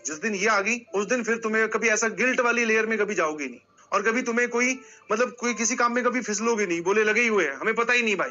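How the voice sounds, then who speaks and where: A man's voice: high voice, sharp tone, dull audio. A male coaching teacher giving a motivational lecture to students. He tells stories and talks to them directly, scolding them at times.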